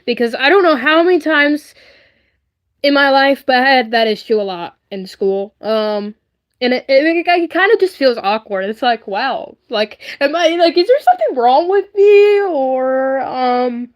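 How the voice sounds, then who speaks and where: A woman hosts a casual livestream in a high, very animated voice, speaking a little slowly. She rambles in an earnest, emphatic way and often repeats herself.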